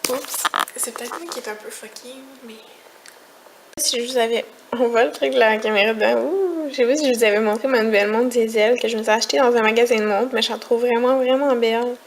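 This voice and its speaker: Young Quebec woman vlogger, a bit high-pitched, chatty and rambling, over dish and pan noise. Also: steady tone, a little fast. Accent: Quebec French. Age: young adult. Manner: chatty, rambling, disgusted complaints. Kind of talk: casual vlog chat.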